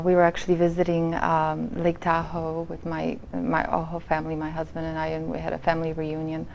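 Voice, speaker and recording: A woman from Poland, a painter and nurse, talking softly and haltingly in a casual interview. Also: fairly low pitch, gravelly, a little hiss or hum, poor audio. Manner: soft-spoken, halting, with fillers and restarts.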